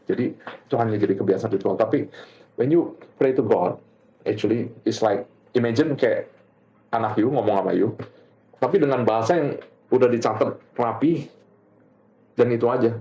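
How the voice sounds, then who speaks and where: A middle-aged man giving a faith testimony in casual conversation, earnest and animated, laughing as he tells stories and switching often between two languages. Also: medium pitch, moderate pace, pauses often, highs cut off.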